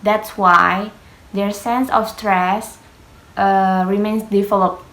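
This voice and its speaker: A young female student presents a lesson on pronunciation, slowly and hesitantly, stopping often for fillers. She speaks Indonesian as her first language, and her English has small grammar slips. Her voice sits at a middle pitch in an echoey room. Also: little pitch movement, fairly bright tone. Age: young adult.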